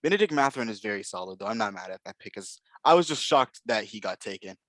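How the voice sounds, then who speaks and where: A man's voice: lowish voice, animated, fast talker, fairly bright tone, no echo. Casual male co-host, analytical and hedging, dry close sound. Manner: analytical, hedging with many fillers. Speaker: podcast co-host. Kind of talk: casual basketball draft chat.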